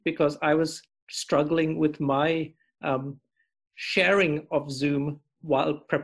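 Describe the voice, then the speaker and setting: A man hosting an online club meeting, thanking his team in a hesitant, self-deprecating way with many pauses and fillers, heard over a video call. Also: fairly high pitch, creaky, breathy edge. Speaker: meeting host.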